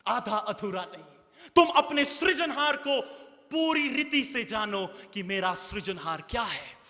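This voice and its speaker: High-voiced Hindi preacher in a big hall. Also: male voice, pushed and bright. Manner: call-and-response preaching, asking the congregation to repeat. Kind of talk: sermon. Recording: long reverb of a large hall.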